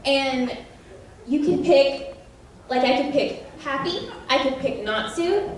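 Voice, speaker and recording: A woman voice actress on a convention panel, chatty and animated, laughing often and quizzing the audience. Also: high-pitched, slow, a little hiss or hum. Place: large convention panel room. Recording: very echoey hall from a distance.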